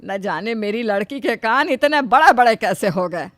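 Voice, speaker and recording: A woman's voice: fairly high pitch, animated, moderate pace, no echo, natural voice. A woman putting on a fussing middle-aged mother. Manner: loud, fussing.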